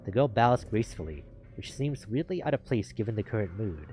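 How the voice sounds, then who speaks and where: A man streaming a visual novel, reading its text aloud at a steady pace and breaking off for casual asides. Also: fairly low pitch, fairly quick, soft background music.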